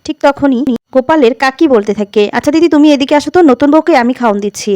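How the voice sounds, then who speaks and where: A woman narrating a plot recap in a quick, running way, lightly acting out the characters' lines. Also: sits high, mellow, no room sound, highs cut off. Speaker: story narrator. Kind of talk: retelling a serial's plot with voiced dialogue.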